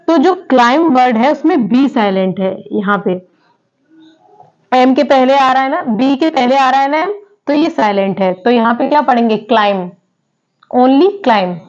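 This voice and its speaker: A woman teaching English in a classroom style, repeating each word and quizzing her students with questions. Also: high voice. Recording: dull lo-fi sound.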